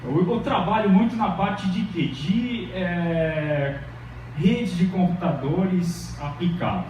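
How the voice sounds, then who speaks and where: Taking his time, a middle-aged Brazilian professor delivers a chatty, informal lecture, regularly checking that his audience is with him. His voice sits high and is a little mellow. Recorded from afar in a large, echoing lecture hall, the clip has slight background noise.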